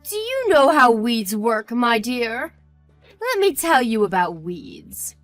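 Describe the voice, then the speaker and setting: Woman acting a high-pitched, hurt and angry mother-in-law. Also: sing-song, slow pace, a bit bright, dry recording, faint music behind, heavily acted. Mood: imperious scolding. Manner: indignant, hurt and angry, scolding. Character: haughty, cruel, self-pitying older mother-in-law. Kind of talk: scripted audio drama acting.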